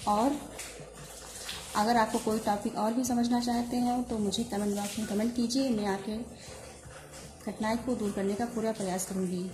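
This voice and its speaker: A woman's voice: fairly high pitch, darkish tone, a little hiss or hum. Patient woman teacher, echoey room. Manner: patient, explains slowly and repeats examples. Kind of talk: grammar lesson for exam prep. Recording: echoey room with faint music.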